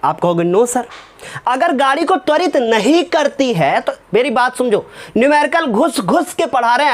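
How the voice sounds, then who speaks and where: A male physics teacher works through numericals step by step. He keeps checking that his students follow and calls them by fond, fatherly names. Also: extremely high pitch. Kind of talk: whiteboard lesson solving numericals.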